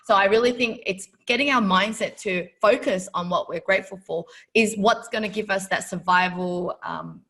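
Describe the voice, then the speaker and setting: A woman's voice: medium pitch, normal speed, hardly any pauses, fairly bright tone. A woman from Vietnam as a podcast guest, speaking earnestly and reflectively with many fillers. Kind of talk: interview podcast.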